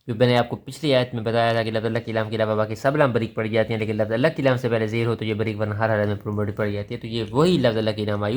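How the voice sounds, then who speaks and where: A man with a Pakistani Urdu accent and a mid-range voice teaches Quran recitation. He patiently spells out each letter along with its vowel mark, then chants the verse slowly.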